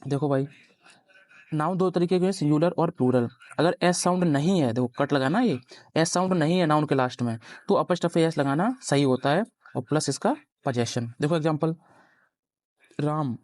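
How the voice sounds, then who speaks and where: A man's voice: a little high, moderate pace, a little mellow, no room sound. A young man teaching a grammar lesson at a board, explaining step by step and constantly quizzing his students. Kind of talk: classroom grammar lecture at a board.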